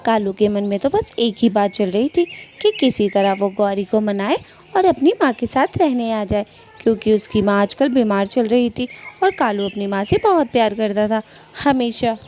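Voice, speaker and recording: A woman narrates a cartoon story, calm and steady, with her voice at a middle pitch. A faint hiss sits under the recording. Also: moderate pace.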